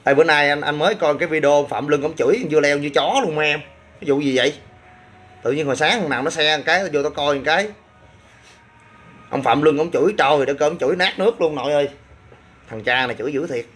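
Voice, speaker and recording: A man's voice: fairly high pitch, fast talker, fairly bright tone, husky. A man with a Southern Vietnamese accent, a gym owner chatting casually on a livestream and answering comments with boastful, crude banter.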